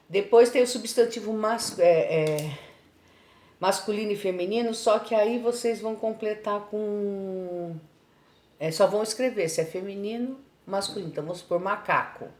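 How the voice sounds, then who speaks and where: A woman's voice: mid-range voice, normal speed, darkish tone. A Brazilian woman teaching a remote lesson, patiently explaining homework and checking in after each point. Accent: Brazilian Portuguese. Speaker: schoolteacher. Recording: echoey room with faint background noise.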